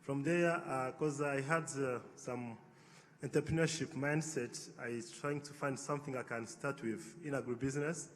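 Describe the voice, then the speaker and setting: A man's voice: mid-range voice, steady tone, moderate pace, slight background noise. Hesitant man on a conference panel. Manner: hesitant, many fillers, earnest. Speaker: agribusiness entrepreneur, panelist. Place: large conference hall. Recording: reverberant conference hall, faint ambience.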